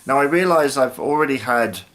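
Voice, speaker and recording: A man's voice: mid-range voice, fairly quick, fairly bright tone. British man chatting casually to camera. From United Kingdom. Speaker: snack review video host. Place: small living room, indoors.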